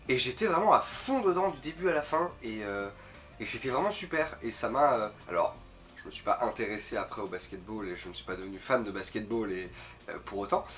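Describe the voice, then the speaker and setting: A man's voice: medium pitch, fairly bright tone. A man with a nasal, sniffly voice from a slight cold, giving an informal, rambling film review as host, often stumbling and repeating words. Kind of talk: casual film review talk to camera.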